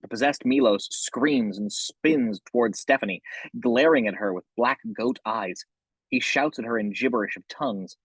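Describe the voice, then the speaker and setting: A man narrates a horror script in a husky voice, describing each action in the present tense. The recording is dry and close, with no room around him. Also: medium pitch, normal speed, no echo, low-quality recording.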